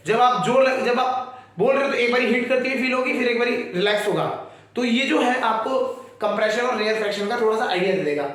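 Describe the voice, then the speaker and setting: A man's voice: high voice, fairly bright tone. A man teaching a science class, explaining patiently and often checking whether his students follow, with terms. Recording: very echoey room.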